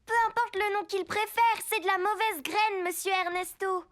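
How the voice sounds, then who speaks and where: A woman's voice: extremely high pitch, steady tone, normal speed, a bit bright. A woman voicing a determined, wary young child superhero in a children's cartoon. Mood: suspicious. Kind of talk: French-dubbed children's cartoon acting.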